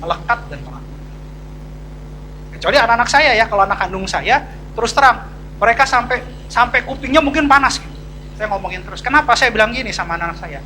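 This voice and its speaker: High-voiced man giving a chatty sermon. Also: expressive, fast talker, sharp tone, slight background noise, low-quality recording. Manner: chatty, confiding sermon with slangy asides. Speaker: pastor. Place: church service.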